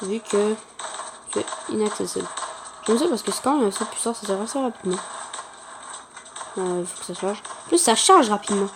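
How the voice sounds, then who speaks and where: A woman giving chatty, excitable gameplay commentary for her channel, talking to viewers and taunting opponents. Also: medium pitch, moderate pace, long pauses, noisy background.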